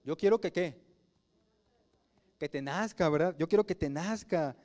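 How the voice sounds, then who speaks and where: A Mexican pastor delivers his sermon in a relaxed, conversational style. His voice is warm and mellow but sits a little high for a man. He keeps turning to the congregation with rhetorical questions. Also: unhurried.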